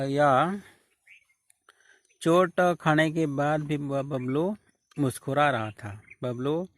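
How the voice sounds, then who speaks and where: A male teacher slowly explaining a story line by line, paraphrasing idioms and clearing his throat often. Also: on the high side, no echo. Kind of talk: classroom lecture explaining a story.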